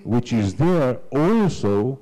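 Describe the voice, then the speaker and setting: A man with a Slovenian accent moderating a university panel, speaking haltingly with many fillers. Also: medium pitch, very animated, dark tone. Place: lecture hall panel. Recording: long hall reverb.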